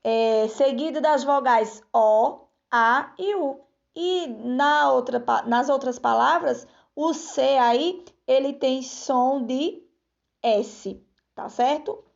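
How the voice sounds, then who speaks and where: A woman, a teacher giving a slow, patient recorded lesson to children and sounding out words carefully. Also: high-pitched, creaky. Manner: slow, patient, drawn-out word reading. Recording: dull lo-fi recording.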